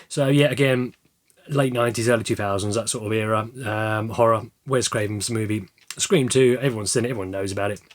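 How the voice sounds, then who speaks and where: A young man talking casually about his film collection, rambling with many ums and restarts, his throat slightly croaky. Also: lowish voice, a little fast. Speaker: video creator showing a film haul. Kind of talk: casual chat.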